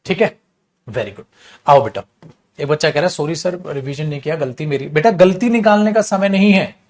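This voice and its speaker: A man's voice: a little high, lively intonation, moderate pace, darkish tone. A young adult man with a Hindi accent, teaching an English grammar class and lecturing his students in an emphatic, scolding way.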